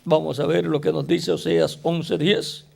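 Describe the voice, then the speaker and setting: Slow, gravelly-voiced male preacher. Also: fairly high pitch, very animated, darkish tone. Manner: slow, deliberate preaching with rhetorical questions to the congregation. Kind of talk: sermon.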